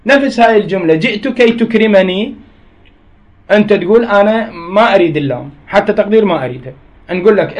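Male teacher, high pitched, patient and repetitive explainer. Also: dull audio. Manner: reads a passage, then re-explains it with repeated examples. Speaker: Arabic grammar teacher. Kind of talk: explaining a grammar text line by line.

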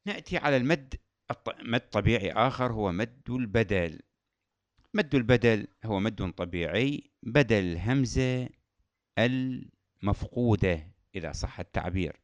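A man gives a patient lesson on recitation rules, often repeating key terms. His voice is smooth and resonant, and the recording is dry with no room sound. He chants verse examples slowly and melodically. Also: on the low side, expressive, dry recording. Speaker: Quran recitation teacher. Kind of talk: tajweed lesson.

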